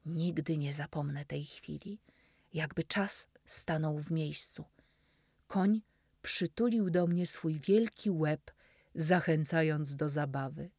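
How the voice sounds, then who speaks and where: A woman narrating a children's story in the first person, expressive, sometimes dropping into soft whispers. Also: sits low, takes it slowly, no room sound, studio quality.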